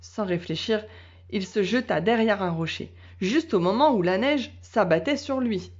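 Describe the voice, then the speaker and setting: A woman teacher reading a children's storybook aloud in a calm, measured way. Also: mid-range voice. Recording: dull lo-fi sound.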